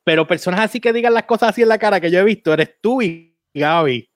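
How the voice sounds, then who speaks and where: A man hosting a casual podcast, easygoing and quick to laugh. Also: high-pitched, no room sound. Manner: laughs a lot, agreeable, easygoing. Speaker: podcast host.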